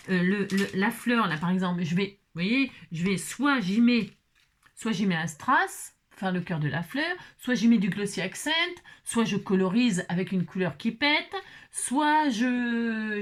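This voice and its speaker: An older woman chats her way through a craft tutorial in an easygoing, rambling manner. She stops to correct herself, hunts for words and breaks into small laughs. Her voice sits at a middling pitch for a woman. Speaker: craft video host.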